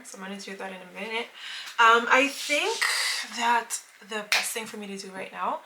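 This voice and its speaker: A woman's voice: mid-range voice, very noisy. A woman in her late twenties talking casually to camera as a vlogger, chatty and rambling with many fillers and restarts. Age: late 20s. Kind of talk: casual vlog chat to camera.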